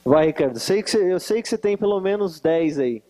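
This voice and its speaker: Speaking briskly in a high voice with a Minas Gerais accent, a man from Varginha, Brazil, delivers a joke-filled sermon as a guest preacher at a church conference. He keeps things relaxed and teases the live audience in the conference hall.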